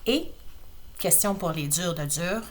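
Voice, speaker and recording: A woman teacher with a Quebec accent reading a picture book aloud to her class, lively and expressive with playful asides. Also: on the low side, slow, slight background noise. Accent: Quebec French.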